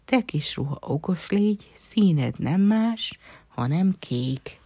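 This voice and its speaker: A woman's voice: on the low side, expressive, warm tone, husky, no echo, pitched above the performer's own voice. A woman voicing a stubborn, squabbling little girl fairy who chants spells insistently.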